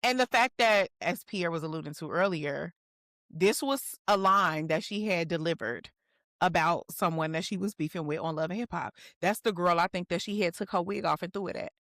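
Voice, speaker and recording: A woman's voice: lowish voice, moderate pace, dry recording, clean studio sound. A woman co-hosting a casual podcast, chatting playfully and animatedly, often breaking into quoted lines. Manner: animated, playful, bursts of laughter and rapped quotes. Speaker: podcast co-host. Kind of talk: casual chat.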